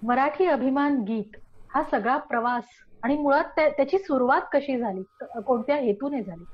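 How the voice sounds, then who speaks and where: A high-pitched woman hosts a radio interview, framing her questions with admiration and soft hesitations. Her voice comes through muffled and lo-fi. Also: moderate pace. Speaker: radio host.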